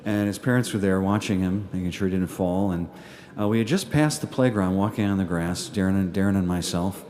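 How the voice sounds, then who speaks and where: Chatty pastor with a dark low voice. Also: male voice, a little fast. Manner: chatty, folksy, with many fillers and restarts. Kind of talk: casual homily with an appeal. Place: church at Mass.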